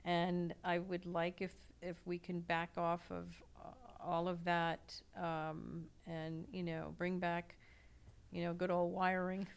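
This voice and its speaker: A woman with a somewhat low voice answers in a conversational podcast. She speaks haltingly, often pausing and restarting as she searches for words. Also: monotone, vocal fry, clear, resonant tone. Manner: hesitant, many fillers and restarts. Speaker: podcast guest. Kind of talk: casual conversation.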